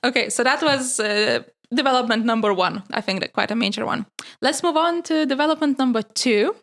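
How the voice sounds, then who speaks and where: A woman hosts a casual podcast and presents news items from her prepared notes. She talks to her co-hosts in a relaxed, chatty way. She laughs easily between points. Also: on the high side, fairly quick.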